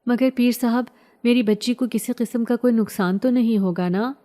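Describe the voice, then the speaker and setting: A worried middle-aged mother, read by a woman narrator, speaking in an anxious, pleading way. The voice is soft and warm, a horror storybook parent. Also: a little high, pitched above the performer's own voice, close to an everyday voice.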